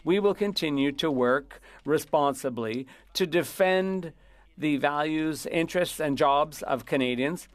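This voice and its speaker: A man interpreting formal parliamentary debate live, in somewhat halting phrases. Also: a little high, no echo.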